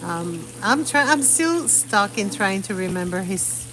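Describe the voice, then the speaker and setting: In a low-quality recording, a middle-aged woman from Puerto Rico talks at a measured pace with lively intonation and a medium-pitched voice. She is chatting casually while painting outdoors under an umbrella during a live stream, rambling as she searches for the right words.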